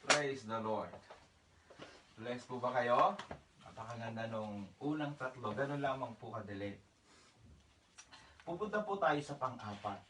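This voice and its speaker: A man's voice: medium pitch, expressive, a little slow, pauses often, reverberant, distant mic, noisy background. A man pastor preaching a church sermon, speaking politely and mixing in English phrases, sometimes raising his voice for emphasis. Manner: raises his voice for emphasis at times.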